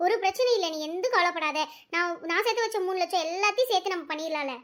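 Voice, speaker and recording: A woman's voice: extremely high pitch, fast. A woman voicing a caring, emotional village mother in a cartoon family drama. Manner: affectionate, tearful, talks in long runs.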